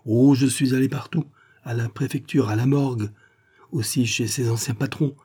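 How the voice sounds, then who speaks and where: A man's voice: mid-range voice, steady tone, normal speed, mellow, breathy edge, voice pushed up, lightly acted. A man voicing a distraught young woman who pleads anxiously for help finding her missing father. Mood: pleading, distressed.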